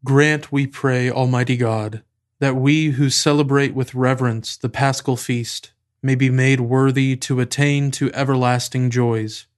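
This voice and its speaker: A man's voice: mid-range voice, steady tone. Evenly spoken man reciting liturgy. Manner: solemn, measured reading. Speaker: officiant leading daily prayer. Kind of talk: liturgical recitation of prayers and scripture.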